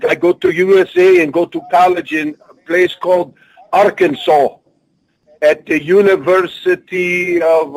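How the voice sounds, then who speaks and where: A man speaks, answering in broken English. He keeps a booming wrestling persona and a fairly high voice. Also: vocal fry, rough recording. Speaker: wrestler guest. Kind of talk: in-character interview answers.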